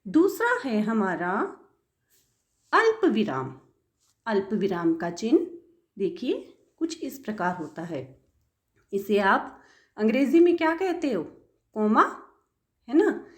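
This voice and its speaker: A woman's voice: fairly high pitch, sing-song, slow pace, long pauses. A woman teacher giving an online grammar lesson to young children, patient and asking the class questions as she goes.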